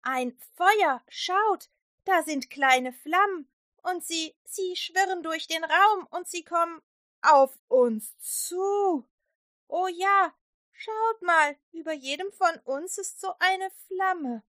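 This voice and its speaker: A woman's voice: mid-range voice, big pitch swings, normal speed, hardly any pauses, no echo, studio quality. A woman voicing an eager, awestruck male disciple in a children's Bible story, calling out in wonder. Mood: amazed.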